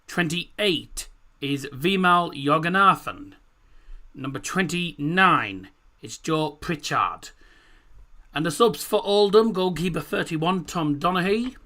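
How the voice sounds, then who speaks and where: Hosting a football watchalong on a live stream, a man with a slightly high, sharp voice and lively intonation reads out team lineups informally, slowing down deliberately on names and swearing mildly. He has a cold and a speech impediment that turns his r into a w.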